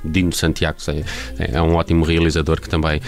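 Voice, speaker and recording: Male host, deep pitch, European Portuguese accent, halting conversational delivery over soft music. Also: monotone. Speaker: radio host. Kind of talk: conversational radio interview. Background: background music.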